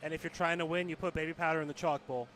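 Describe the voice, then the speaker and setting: A man's voice: on the high side, steady tone, racing, fairly bright tone, soft background music, low-quality recording. A man co-commentating on a live sports event in a casual, supportive and encouraging style.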